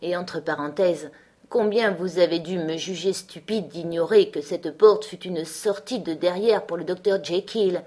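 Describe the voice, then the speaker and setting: A woman reading the part of a sober male gentleman in an audiobook, speaking in a measured, dry way. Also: lowish voice. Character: man, a sober gentleman stroller.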